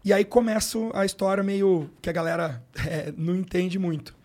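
A man with a high-sitting, slightly mellow voice and a Brazilian Portuguese accent shares a personal story at a moderate pace. He's a sports coach appearing as a podcast guest, and his speech is casual, emotional, and slangy, full of fillers like "cara" and "brother."

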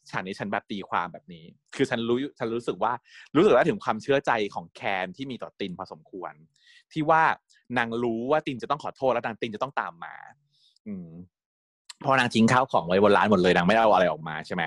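A man's voice: on the low side, fast talker, no echo, studio quality. A man retelling a series in casual, chatty talk, laughing and acting out scenes. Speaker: series recap host.

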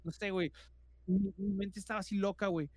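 A man's voice: sits high, steady tone, brisk, a little mellow, dry recording. A man with a Mexican accent, co-hosting a podcast and telling a horror story casually, filling nearly every phrase with slang and acting out sound effects. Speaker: podcast co-host.

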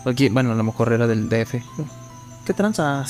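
A young Mexican man with a Mexican accent co-hosts a podcast, talking fast in a mid-range voice over soft background music. In casual chat, he animatedly tells a ghost story and acts out the quoted voices.

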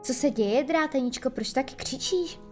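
A woman voicing a carefree young boy hero in an audiobook fairy tale, with lively, boyish delivery. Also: high voice, soft background music, close to an everyday voice. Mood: sleepy.

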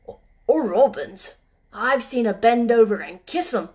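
A woman voicing a gruff, grumbling old male gardener with a put-on in an audiobook. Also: fairly high pitch, expressive, unhurried, darkish tone. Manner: gruff, grunting, clipped old-fashioned speech. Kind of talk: audiobook character voice.

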